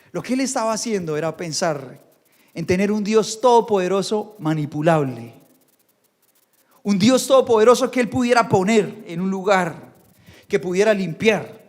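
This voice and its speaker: A male pastor preaching a sermon, animated and acting out the voices he quotes. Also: sits high. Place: church. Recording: church hall reverb.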